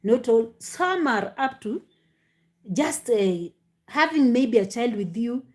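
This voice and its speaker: Lady chatting to her viewers, lots of uhs and you sees, warm tone. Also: on the high side, takes it slowly. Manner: animated, speaks directly to viewers with many fillers. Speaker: commentary host. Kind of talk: casual live commentary to viewers.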